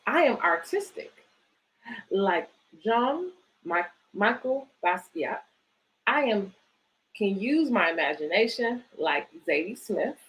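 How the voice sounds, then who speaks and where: With big pitch swings in a mid-range, fairly bright voice, a woman takes her time reading picture books for a children's bedtime series. She hosts it as a book organisation director, chatting encouragingly with families, though the recording is rough.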